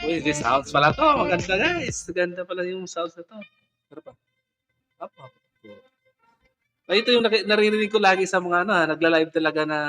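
A man's voice: fairly high pitch, pushed and bright. A man vlogging casually and chattily, trying out a new condenser mic and sound card. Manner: chatty, giggly, trying out gear. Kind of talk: casual vlog chat. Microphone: condenser microphone.

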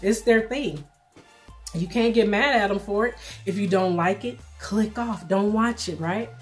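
A middle-aged woman giving casual, plainspoken vlog commentary while eating, pausing for bites and repeating phrases for emphasis. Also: medium pitch, faint music behind. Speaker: vlogger. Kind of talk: casual mukbang commentary chat.

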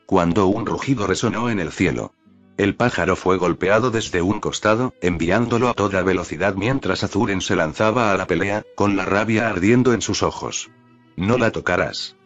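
A man narrating a fan fiction story in a steady, even read. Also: deep voice. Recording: dull lo-fi audio with faint music.

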